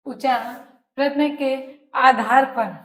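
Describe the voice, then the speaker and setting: A woman teacher giving a lesson, repeating each phrase slowly for students to write down and answering her own questions. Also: high voice, fairly even intonation, a bit bright. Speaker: Hindi teacher. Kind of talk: classroom lesson, dictating notes. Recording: echoey room.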